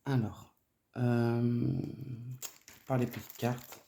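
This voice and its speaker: A woman narrating her budgeting casually and counting aloud, haltingly, her voice thick and strained from swollen tonsils. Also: rumbling low, flat delivery, vocal fry, mellow. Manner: halting, murmuring to self while counting. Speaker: host of a budgeting video. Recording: noisy, with clicks and paper rustling.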